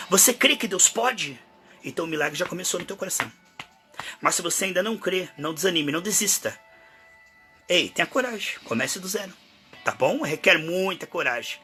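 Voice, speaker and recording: A pastor preaching fervently, acting out prayers and the listener's doubts. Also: male voice, high-pitched, pushed and bright. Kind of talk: sermon.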